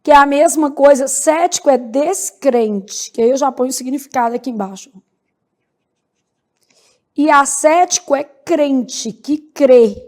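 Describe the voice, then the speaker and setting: Slow high-voiced woman teaching. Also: a little mellow. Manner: slow, spells out words syllable by syllable, frequent "né?" and "beleza?". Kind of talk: grammar lecture.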